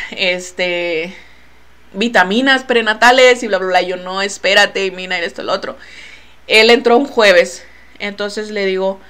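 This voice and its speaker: A young Mexican woman chats straight to her viewers through a laptop microphone, telling a personal story. She is animated and acts out what each person said, often trailing off with playful filler like "bla, bla, bla.". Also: mid-range voice. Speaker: vlogger. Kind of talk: casual storytelling to camera. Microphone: laptop mic.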